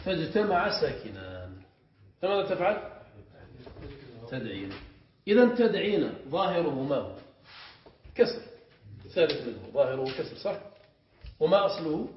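Teaching Arabic morphology to a class, a high-voiced male sheikh builds his explanation in steps and keeps checking students with rapid questions. The room is echoey, and the audio comes through muffled with a faint hiss.

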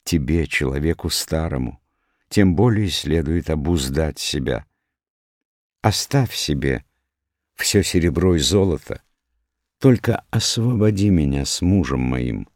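A man's voice: extremely low pitch, expressive, measured pace, darkish tone, no room sound, clean studio sound, heavily acted. A man voicing a young bride who earnestly pleads with an old robber to free her. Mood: pleading.

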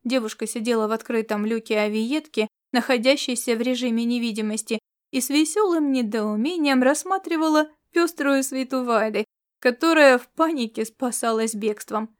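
Fields: Sex: woman. Style: audiobook narration. Pitch: high. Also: normal speed.

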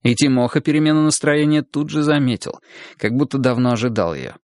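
A man narrating an audiobook in an expressive reading style. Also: medium pitch, fairly quick, no echo, studio quality. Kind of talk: scripted narration.

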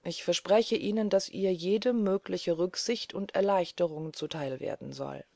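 A woman doing a grave, courteous gentleman. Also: on the low side, gravelly, dry recording. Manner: measured, polite, solemn.

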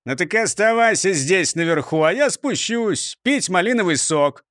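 Man doing a sensible storybook fire chief, scolding, matter-of-fact, lively pitch. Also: normal speed, no room sound, clean studio sound. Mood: practical.

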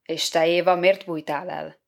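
A woman's voice: on the low side, flat delivery, creaky. A woman voicing a stern, commanding male Lord who speaks formally and severely in a storybook reading.

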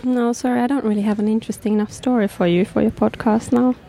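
A woman from Finland, a filmmaker guest in a casual interview, answering with dry, deadpan humor. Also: a little high, fast talker, gravelly.

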